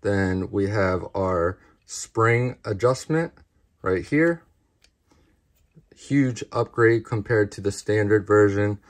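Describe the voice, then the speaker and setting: A man hosts a casual knife review, his voice sitting on the low side. He takes his time, speaking slowly and plainly, and keeps addressing his viewers as guys. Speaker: knife review channel host.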